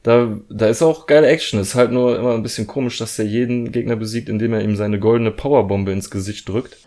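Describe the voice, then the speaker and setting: A man's voice: lowish voice, fairly even intonation, brisk, a little mellow. Hesitant, rambling German man. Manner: rambling, hesitant, laughs at own jokes. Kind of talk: casual film discussion.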